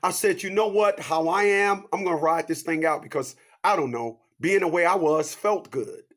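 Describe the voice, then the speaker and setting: At normal speed, a fifty-something man delivers a preachy motivational monologue. He repeats his catchphrases, asks rhetorical questions, and swings from loud, high outbursts to hushed asides.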